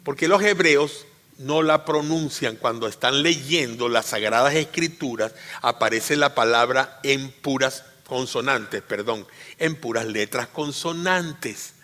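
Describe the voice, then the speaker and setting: Speaking at an unhurried pace and medium pitch, a male pastor preaches to his congregation, his bright, forceful voice echoing around a reverberant church hall. His sermon relies on repeated key phrases and questions to the listeners, and his delivery moves from loud, emphatic high points down to softer asides.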